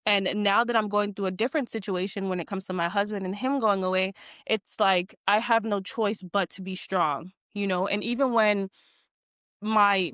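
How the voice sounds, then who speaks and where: A woman and mother speaking reflectively in a casual heartfelt conversation, often pausing to find words. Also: medium pitch, fairly bright tone, dry recording, clean studio sound. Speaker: mother, co-host.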